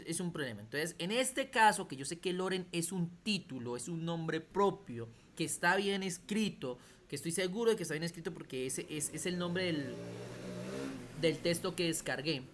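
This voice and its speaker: Over a video call, a man with a slightly high, somewhat bright voice teaches a computer class as an online lecture, explaining step by step and often checking that students are following.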